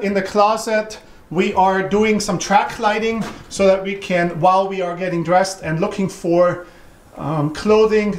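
A man in his forties narrates a walkthrough of an attic under renovation, thinking aloud and pausing with frequent ums. His voice sits fairly high for a man. The bare wooden space gives the sound a roomy echo. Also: a little hiss or hum. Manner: relaxed, thinking aloud with many ums and restarts. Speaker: home renovation vlogger. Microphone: camera mic, often off-camera.

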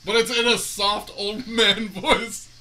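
A man's voice: high voice, flat delivery, slow, crowd noise. A man playing a tabletop game, joking and laughing often as he talks. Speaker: player. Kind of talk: casual tabletop game chat. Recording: far from the mic, with noise.

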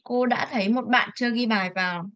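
A woman teaching an online English class, drawing out model words slowly for pupils to repeat. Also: a little high, fairly bright tone. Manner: slow drawn-out model words for repetition, coaxing. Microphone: video call. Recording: lo-fi video call audio.

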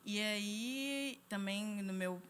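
A woman in her thirties, a guest on a studio talk panel, telling her story in a quick, chatty way into a handheld mic. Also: medium pitch, fairly bright tone, slight background noise. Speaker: guest student. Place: TV studio set.

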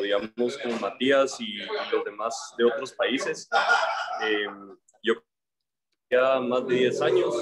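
A man's voice: medium pitch, poor audio. A man in his twenties from Guatemala, chatting in a friendly, hesitant way with lots of fillers on a video call. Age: 20s. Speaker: youth group member, architect. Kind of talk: casual sharing on a video call.

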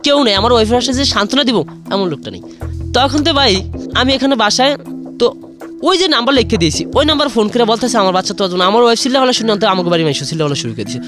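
A man's voice: very high-pitched, animated, racing, music in the background. A young man, rambling through an emotional personal story as a radio caller and saying "brother" again and again. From Bangladesh. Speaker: caller sharing a confession.

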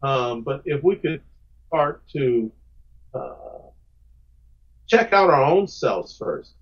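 A man's voice: medium pitch, lively intonation, takes it slowly. Earnest, reflective man on muffled audio. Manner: earnest, reflective, rambling with restarts. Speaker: podcast guest, comic creator. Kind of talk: casual podcast conversation.

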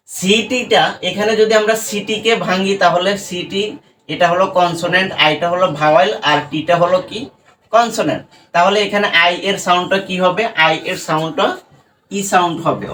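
A man's voice: sits high, normal speed, a bit bright. Bangladeshi man teaching English letter by letter. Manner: patient, drills spellings letter by letter, asks and answers his own questions. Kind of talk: spoken lesson to students. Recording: distant mic with faint background hiss.

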